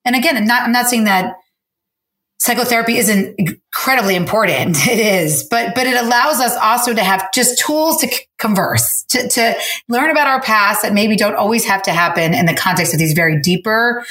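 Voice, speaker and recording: A woman hosting a casual conversation, telling stories in an animated way and often speeding up or slowing down. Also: a little high, echoey room. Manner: animated, storytelling, rapid shifts in pace. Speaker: host.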